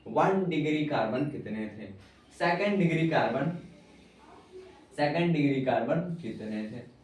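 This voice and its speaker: A man teaching chemistry at a whiteboard in a casual, teasing way, talking straight to his student. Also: fairly high pitch. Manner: chatty, teasing, addresses student as bhai. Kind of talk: informal whiteboard lecture. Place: classroom with whiteboard. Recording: very echoey room, mic far off, faint noise.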